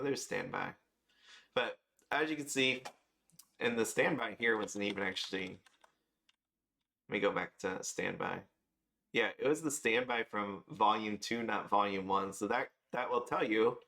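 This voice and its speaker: A man's voice: lowish voice, gravelly, fairly bright tone. A man hosting a casual card game video, talking loosely with many fillers, tired after waking very early. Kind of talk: casual spoken price review.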